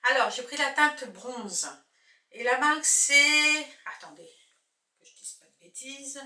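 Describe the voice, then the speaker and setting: A woman with a high-pitched, animated, pushed and bright voice walks through a makeup tutorial at a measured pace, musing aloud over each product. Her husband films her indoors at home, and the distant audio echoes around the room.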